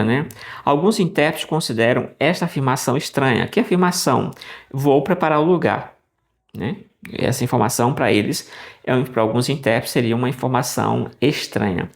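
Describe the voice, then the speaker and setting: A man's voice: mid-range voice, creaky. A man teaching Greek grammar in a casual, conversational way, with frequent "né" and restarts. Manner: conversational, many "né" tag questions and restarts. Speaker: Greek New Testament teacher. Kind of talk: casual explanatory lesson.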